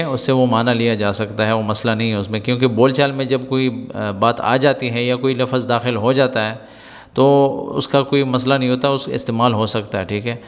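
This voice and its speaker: A man teaching spoken Arabic in a lesson, explaining patiently, repeating words and checking that listeners follow. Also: medium pitch. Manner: patient, repetitive explaining with frequent "right?" checks. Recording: long hall reverb.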